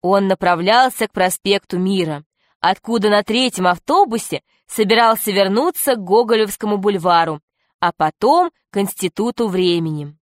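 A woman narrating a children's story for an audiobook, telling it in a steady, clear way. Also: medium pitch, normal speed, dry recording, studio quality.

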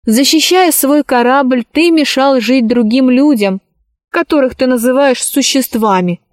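A woman reading a children's story aloud, voicing a level-headed girl who scolds and reasons calmly. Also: high voice, unhurried, dry recording, studio quality. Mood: reproachful.

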